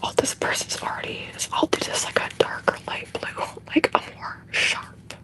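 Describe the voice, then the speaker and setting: A woman's voice: moderate pace, poor audio. A woman whispering casually and chattily as she hosts an ASMR livestream. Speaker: livestream host. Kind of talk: whispered ASMR livestream chat while coloring. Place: apartment room.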